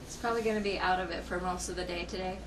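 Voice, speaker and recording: A woman explains clinic aftercare in plain, conversational words, step by step. She often checks that she is understood. She is some way from the microphone, in a clearly noisy room. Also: lowish voice, fairly even intonation, racing, recorded from a distance. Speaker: dental surgery assistant giving aftercare instructions. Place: indoor clinic treatment room. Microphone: camera held by another person, at a distance.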